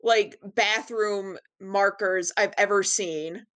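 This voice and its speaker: A woman's voice: medium pitch, fairly even intonation, takes it slowly, a bit bright, clear, resonant tone. A woman co-hosting a podcast in loose, casual chat. She laughs often and leans on fillers and restarts as she recaps an episode with her co-host.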